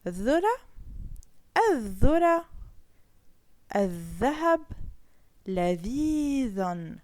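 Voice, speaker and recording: A woman teaching young children to read, slowly sounding out each letter and word so they can repeat after her. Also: a little high, darkish tone, no room sound. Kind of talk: children's Arabic letter lesson.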